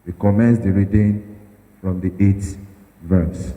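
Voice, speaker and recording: A man reading prayers and scripture at a church service in a solemn, measured manner. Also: deep voice, flat delivery, mellow, slight background noise. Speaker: liturgical reader at a church service. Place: large reverberant church. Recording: phone-like band, echoey church with long reverb.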